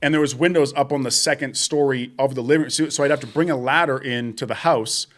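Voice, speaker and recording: A young man co-hosting a podcast speaks at a quick pace in a mid-range voice. He tells job stories in casual chat, swearing often and laughing along the way.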